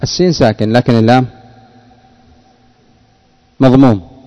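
A man's voice: medium pitch, moderate pace, dark tone, highs cut off. A man teaching grammar in a classroom, explaining rules and quizzing students by name. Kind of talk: classroom lesson with questions to students.

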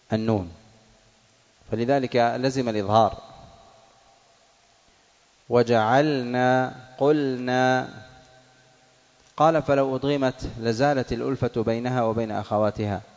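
A man's voice: mid-range voice, darkish tone. Man teaching recitation rules in a reverberant hall. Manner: drills examples slowly and repeatedly, quizzes students. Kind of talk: classroom lesson on recitation rules. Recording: dull audio in a reverberant hall.

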